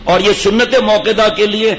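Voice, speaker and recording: A middle-aged man with a high voice delivers a Friday sermon in a mosque, scolding his listeners with pointed rhetorical questions. The recording sounds dull and lo-fi, with a faint hiss underneath. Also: steady tone, fairly bright tone. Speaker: imam.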